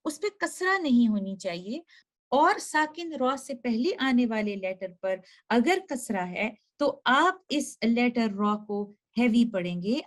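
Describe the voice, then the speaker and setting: Slow, high-voiced woman teaching recitation. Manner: slow, drawn-out demonstrations of example words, repeating them. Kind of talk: slide-based tutorial explaining pronunciation rules.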